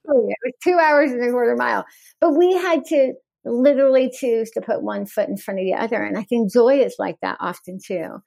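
A woman's voice: a little high, brisk, vocal fry, a little mellow, dry recording. A woman in her forties, a guest author in a candid podcast interview, talking frankly with wry humor and easy laughter.

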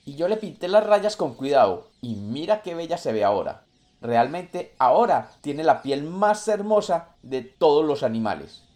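Guy doing a sneaky little monkey, high and bouncy, kinda cocky. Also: sing-song, moderate pace, darkish tone. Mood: boastful. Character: sly clever male monkey trickster.

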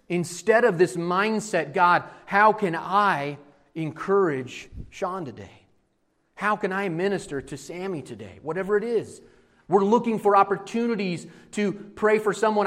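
A male pastor preaching a sermon, addressing his congregation with questions and moving between quiet explanation and emphatic, rising passages. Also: a little high.

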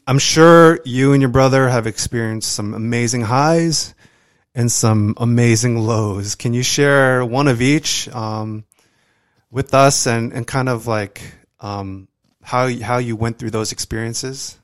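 A man's voice: mid-range voice, a little slow, no echo, clean studio sound. A man hosting a podcast interview, encouraging and asking open questions. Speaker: podcast host. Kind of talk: casual interview.

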